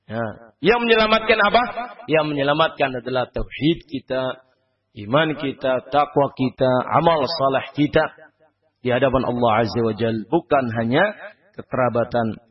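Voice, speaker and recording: A man preaching a study sermon, asking the audience rhetorical questions and swinging between loud and hushed delivery. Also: medium pitch, normal speed, breathy edge, highs cut off.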